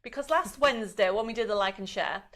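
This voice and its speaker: A woman's voice: medium pitch, quick pace, noisy background. A woman hosting a craft live stream, chatting informally and casually with viewers. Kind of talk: casual chat, greeting viewers.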